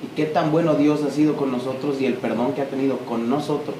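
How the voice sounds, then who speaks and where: A man giving an emphatic, animated church talk, speaking straight to his listeners. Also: mid-range voice, fast. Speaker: preacher. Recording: echoey church room with noise.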